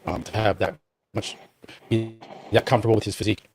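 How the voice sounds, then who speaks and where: A man's voice: lowish voice, level tone, a little mellow, soft background music. A man hosting a casual chat over a video call, his connection breaking up so his speech drops out and trails off. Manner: halting, trailing off mid-sentence. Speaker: host.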